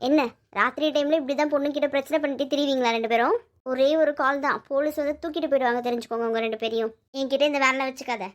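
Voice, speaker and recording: A woman doing Vadivu, a feisty squeaky maid. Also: steady tone, very fast, natural voice. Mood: bold. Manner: scolding, pleading, then panicky. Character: feisty young woman housemaid, bold and quick-tempered. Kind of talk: cartoon voice acting.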